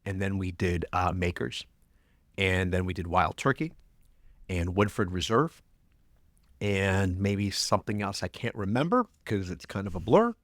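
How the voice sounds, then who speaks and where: A man co-hosts a casual podcast and rambles, often restarting his sentences. His voice sits on the low side. The sound is dry and close. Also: lively intonation, unhurried, a bit bright, no room sound. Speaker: podcast co-host. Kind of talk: casual chat, taste-testing drinks.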